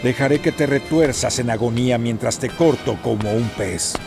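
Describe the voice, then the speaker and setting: An actor playing a sneering, menacing, calculating pirate villain in a Latin American Spanish anime dub. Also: male voice, mid-range voice, moderate pace, close to an everyday voice. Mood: sneering menace. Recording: loud music behind the voice.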